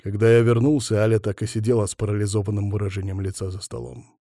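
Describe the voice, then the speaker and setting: A man narrating a first-person audiobook in a gruff, curt manner. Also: fairly low pitch, little pitch movement, fast, dark tone, no echo, studio quality.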